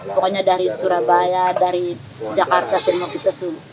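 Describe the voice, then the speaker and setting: A woman with an Alor accent, answering interview questions in a soft, plain village manner. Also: fairly low pitch, monotone, moderate pace, a loud crowd, poor audio. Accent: Alor, East Nusa Tenggara. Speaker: interviewed family member. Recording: outdoor field recording with clear background noise.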